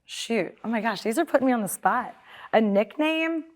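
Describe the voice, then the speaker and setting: A young woman from Maryland answering a rapid-fire interview in a bubbly, giggly way, often hunting for words. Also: a little high, lively intonation. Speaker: guest, apparel business owner.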